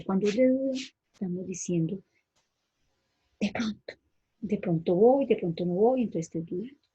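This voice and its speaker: A woman teaches a grammar lesson to her class. Her voice is dark and mellow, with a strongly husky, breathy grain. She explains patiently and keeps asking the students whether they follow. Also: medium pitch, dry recording, lo-fi sound. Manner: patient, explanatory, checks understanding with "¿sí?".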